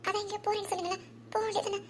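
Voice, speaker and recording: A woman's voice: very high voice, little pitch movement, rapid-fire, slight background noise. A woman voicing a shy, frightened young woman in a cartoon, nervous and pleading. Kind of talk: cartoon voice acting.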